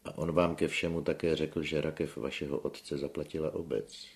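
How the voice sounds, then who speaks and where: A man reading the lines of an earnest young man who speaks in a measured, reasoning way. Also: very deep voice, level tone, creaky. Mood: persuasive.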